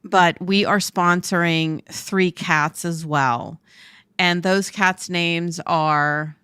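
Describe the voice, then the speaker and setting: A woman's voice: fairly low pitch, steady tone, drawn-out words, bright, forceful tone, smooth, no room sound, studio quality. A woman co-hosting a casual podcast, teasing her friend and speaking straight to listeners. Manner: teasing, addresses listeners directly. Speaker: podcast co-host. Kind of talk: casual chat.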